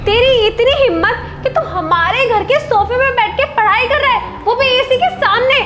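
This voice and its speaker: A woman's voice: normal speed, fairly bright tone, muffled recording, faint music behind. A young woman playing an arrogant rich wife who scolds and mocks her driver. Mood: scornful. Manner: shrill, scolding, mocking. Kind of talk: amateur web drama acting.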